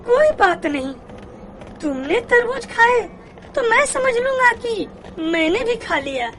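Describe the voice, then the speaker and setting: A woman's voice: slow, heavily acted. A woman voicing a sly, sweet-talking male jackal in a storybook cartoon. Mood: sly, sugary. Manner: sweet-talking, very high and lively. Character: sly scheming male jackal, small and chirpy. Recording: clear background noise.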